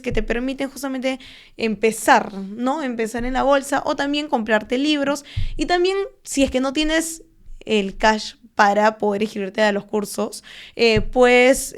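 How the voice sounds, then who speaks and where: A Peruvian woman in her 20s, a stock trader and finance content creator, is a guest in a conversational interview. Her voice is smooth, clear and rather high, and she explains calmly and measuredly, with frequent "eh" fillers and "¿no?" tags.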